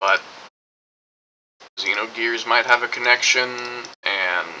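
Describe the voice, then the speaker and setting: Bright, sharp-voiced man rambling casually. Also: mid-range voice, steady tone, slow, a little hiss or hum, rough recording. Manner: hedging, repetitive, circling back over points. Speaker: gaming streamer. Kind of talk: casual rambling game commentary.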